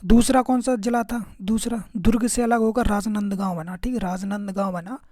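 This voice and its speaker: A man's voice: high-pitched, steady tone, moderate pace, warm tone, no room sound, studio quality. A male teacher, giving a casual exam-prep lecture and constantly asking listeners to remember each fact. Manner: keeps repeating "okay" and "remember this", quizzing listeners.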